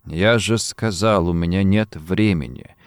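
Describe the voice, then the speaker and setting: A male narrator voicing a calm, cold detective who speaks slowly and softly with quiet menace. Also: sits low, clear, resonant tone, no room sound, studio quality, voice pushed down. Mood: cold threat. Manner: slow, soft and menacing.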